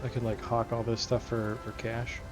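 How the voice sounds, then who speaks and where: An easygoing man streams a video game and chats with friends. He laughs often and thinks aloud as he plays. Game music sits clearly behind his voice. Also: medium pitch, monotone, moderate pace. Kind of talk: casual gaming chat.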